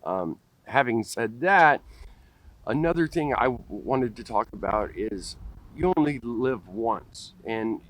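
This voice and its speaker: A rough recording captures a stuttering vlogger in his forties talking directly to a close, face-level camera in a park. He takes it slowly, his mid-range voice animated and a bit bright, as he repeats first sounds and restarts words.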